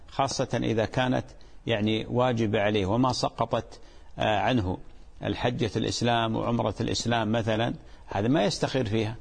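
Gravelly-voiced man, a sheikh answering questions. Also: mid-range voice, big-room sound. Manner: calm, explanatory, repeats points and asks "clear?". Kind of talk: religious Q&A call-in program.

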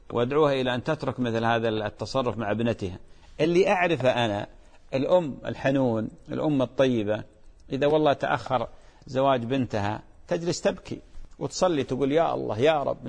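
Fast-talking preacher with hall reverb. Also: male voice, mid-range voice, vocal fry. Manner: earnest, repeats phrases and asks rhetorical questions. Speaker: religious scholar answering a listener's question. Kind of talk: religious advice to a caller.

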